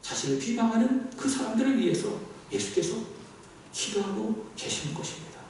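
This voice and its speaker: High, lively pastor preaching in echoey hall. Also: male voice, normal speed, distant mic, slight background noise. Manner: animated preaching, asks the congregation questions. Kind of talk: sermon. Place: church sanctuary.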